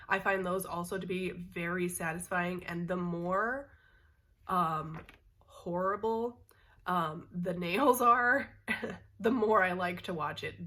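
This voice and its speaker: A woman's voice: on the low side, fairly bright tone, breathy edge. A middle-aged woman chatting casually to her viewers in a rambling way, with many fillers and restarts. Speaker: vlogger. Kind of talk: casual chat to camera.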